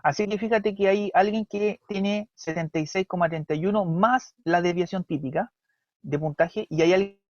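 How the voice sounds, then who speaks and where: A man's voice: a little high, no room sound. A man with a Chilean accent who teaches an online class, explaining step by step and often checking in with the students. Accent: Chilean Spanish. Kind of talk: recorded online class lecture. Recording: dry, dull lo-fi mic.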